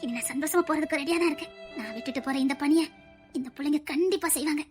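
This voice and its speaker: A woman's voice: high voice, very fast, soft background music, lightly acted. A woman playing a proud, loving elderly grandmother who speaks with a Tirunelveli Tamil accent in a comedy skit, sentimental and preachy. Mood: peaceful.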